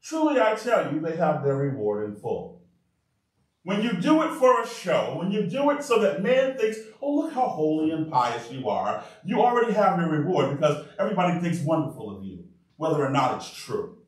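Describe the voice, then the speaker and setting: Male pastor, sermon, animated call-and-response, high-pitched, distant mic. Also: normal speed. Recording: very echoey room, mic far off.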